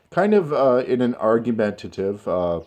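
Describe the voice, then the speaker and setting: A man teaching an English grammar lesson, talking slowly and deliberately, pausing and stretching words for emphasis. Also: medium pitch, a little mellow.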